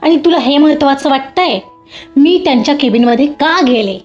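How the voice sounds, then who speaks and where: A woman's voice: high-pitched, fairly quick, a little mellow, natural voice. A woman voicing a caring, outspoken young woman office worker who talks firmly. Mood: indignant. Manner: firm, outspoken. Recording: dull lo-fi audio with faint music.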